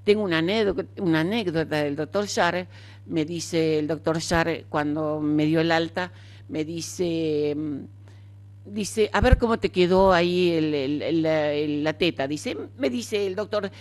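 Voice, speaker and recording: Her voice is low-pitched and darkish, and her pace measured: an older woman with an Argentine Spanish accent, interviewed as a cancer survivor. She shares her own story frankly and chattily, with frequent fillers, as relaxed conversation.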